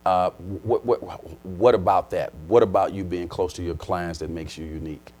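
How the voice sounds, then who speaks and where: Low-voiced man hosting a talk show. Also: fairly even intonation, normal speed, darkish tone. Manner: informal, playful, prompting with questions. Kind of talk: conversational interviewing.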